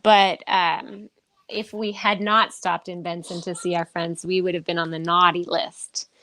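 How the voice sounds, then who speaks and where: A woman's voice: fairly low pitch, flat delivery, a little slow, background noise. A woman chatting as a guest co-host, friendly and thoughtful, giggling often between her remarks. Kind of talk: casual chat.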